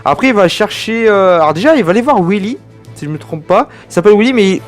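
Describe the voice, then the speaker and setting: A man's voice: sits high, lively intonation, fast talker, soft background music. A young man from France casually reviewing an anime, rambling and digressive with chatty asides to his viewers.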